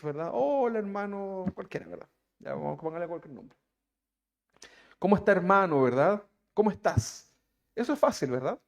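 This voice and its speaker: A preacher from Chile with a fairly high voice for a man, speaking. He delivers his sermon to the congregation and keeps putting rhetorical questions to them. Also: a little mellow.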